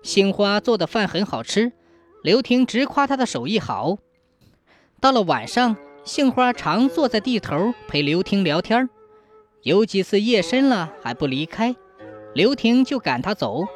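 A woman narrating a folk ghost story in an expressive storytelling manner. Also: medium pitch.

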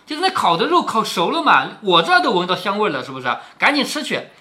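A man's voice: sits high, sing-song, quick pace, pushed and bright. A middle-aged man reading a classic novel aloud to his daughter and explaining it in a chatty way, often checking in with short questions. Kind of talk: storytelling with explanations.

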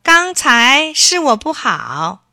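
A woman voicing a mountain echo heard as an unseen boy, repeating lines loudly in a high voice. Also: sing-song, slow, clean studio sound, full character voice. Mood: mimicking.

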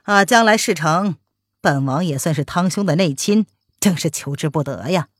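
A woman voicing a smooth, scheming young man who laughs and coaxes in a wheedling tone. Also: low-pitched, expressive, moderate pace, no room sound, clean studio sound. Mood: smug. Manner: chuckling, wheedling, sighing.

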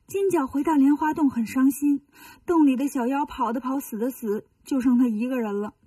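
Woman reading a kids' story, folksy and lively, dark husky voice, a bit far from the mic. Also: high voice, moderate pace, no room sound. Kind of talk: children's story narration.

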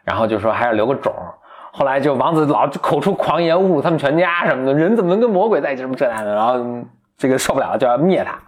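A man co-hosting a podcast, casually retelling a story in an animated way, laughing often and acting out the characters. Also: medium pitch, fast talker. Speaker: podcast co-host.

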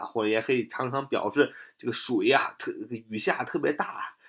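A man's voice: mid-range voice, a bit bright. A man with a Chinese accent teaching English vocabulary, spelling words letter by letter and often adding "啊" as filler. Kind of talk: spoken vocabulary lesson.

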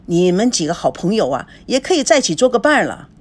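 A woman voicing a hearty, boastful middle-aged male company chairman who praises loudly. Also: mid-range voice, big pitch swings, fast talker. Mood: jovial. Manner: loud, jovial, showy praise.

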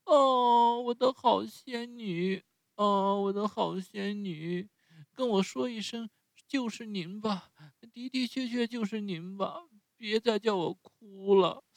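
A man's voice: mid-range voice, animated, dry recording, close to an everyday voice. A man reading a storybook and voicing the wooden puppet boy Pinocchio, stammering and pleading through tears. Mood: tearful pleading. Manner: stammering, emotional, drawn-out cries.

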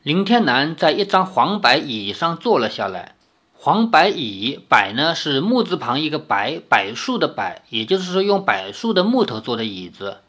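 Expressive man reading a wuxia novel. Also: a little high, normal speed. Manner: expressive, dramatic storytelling. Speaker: reader. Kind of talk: reading a martial arts novel aloud.

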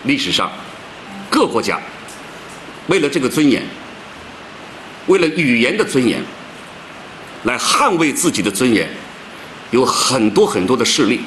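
Give me a man lecturing emphatically, animated pitch, with a faint hiss behind. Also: measured pace, pauses often, low-quality recording. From China. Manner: emphatic, swings pitch widely for stress. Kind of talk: public lecture.

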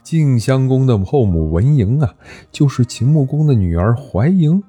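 A man's voice: medium pitch, sing-song, normal speed, mellow, husky, soft background music. A man telling an ancient history story, narrating with animation and voicing every character.

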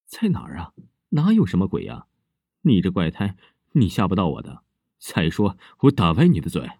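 A harsh, scornful stepmother, voiced by a man, loud and threatening, raising her voice with lively swings in pitch. The sound is close and dry, like a spoken ghost story. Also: normal speed, husky, no room sound, exaggerated voice. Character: cruel, spiteful stepmother, a grown woman.

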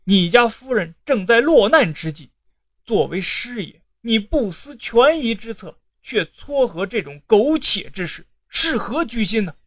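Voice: mid-range voice, expressive, unhurried, no room sound, studio quality, close to an everyday voice. A storyteller voicing a failed male scholar in his thirties who speaks formally and feigns righteous restraint.

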